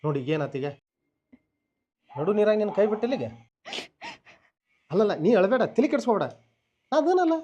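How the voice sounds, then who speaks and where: Scheming older man, lively swinging voice. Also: high voice, brisk, long pauses, highs cut off, slight background noise. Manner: scheming, swinging from soothing to gloating. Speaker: scheming father. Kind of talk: rural family drama acting.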